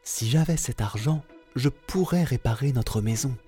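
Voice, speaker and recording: A man's voice: mid-range voice, moderate pace, dark tone, faint music behind, voice pushed up, lightly acted. A man voicing a hungry, thin young boy in a storybook reading, speaking politely and earnestly.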